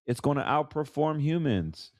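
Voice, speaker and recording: An American man, congested from allergies, offers conversational solo podcast commentary as a financial advisor, repeating words for emphasis. His voice sits a little high and a little mellow, expressive at a normal speed, recorded at studio quality with no echo.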